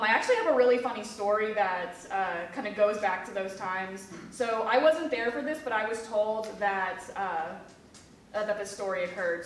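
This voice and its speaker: A museum education specialist, a young woman in her twenties from Kentucky, chats casually in an interview and uses many fillers. Her voice is medium-pitched, with slight background noise. She's recorded from a distance in an echoey room.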